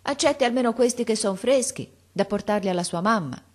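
A woman's voice: a little high, lively intonation, fairly quick, darkish tone, pitched above the performer's own voice. A woman voicing a poor, humble mother who timidly and anxiously presses small gifts on a boy, reading from an old children's storybook. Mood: pleading. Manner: timid, pleading, eager to please.

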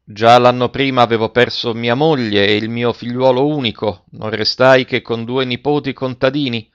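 In a dull lo-fi recording with no echo, a man voices a frail, aging retired schoolmaster, slowly reminiscing in a courteous, wistful way. His natural mid-range voice is clear, resonant and steady, though the character's delivery trembles slightly while remaining full.

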